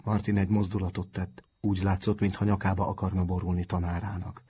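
A man calmly reading a children's story aloud as narrator. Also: low-pitched, slightly rough. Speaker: audiobook narrator.

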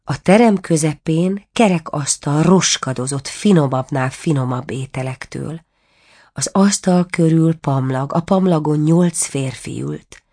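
A woman narrating a storybook tale in a measured, even way. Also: low-pitched. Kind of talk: storybook reading.

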